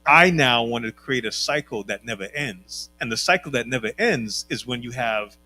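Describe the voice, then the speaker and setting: A man's voice: mid-range voice, expressive, normal speed, sharp tone, faint music behind. A man on a church panel, explaining his point reflectively and laughing easily.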